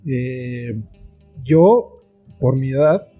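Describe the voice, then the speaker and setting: A middle-aged man with a Mexican Spanish accent, a writer and filmmaker, draws out his words in a mid-range voice while reflecting as a guest in a conversational interview. Behind him, soft plucked guitar music plays faintly.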